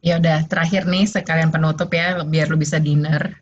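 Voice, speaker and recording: A woman hosting a casual interview over a video call, relaxed and joking, with frequent short backchannels. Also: deep voice, a little fast, lo-fi sound. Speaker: host.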